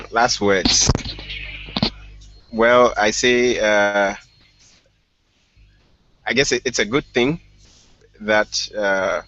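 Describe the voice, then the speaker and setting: A relaxed man talks over an online call with a lowish voice, laughing easily and pausing on fillers. The sound is dull and lo-fi, with no room echo at all. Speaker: startup founder guest. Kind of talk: casual online discussion. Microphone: headphones with mic on a call.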